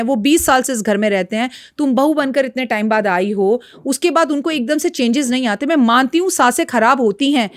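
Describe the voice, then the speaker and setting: A woman astrologer appears as a podcast guest, speaking frankly and lecturing in a blunt, outspoken manner during the interview. Her voice is fairly high, recorded dry with clean studio sound.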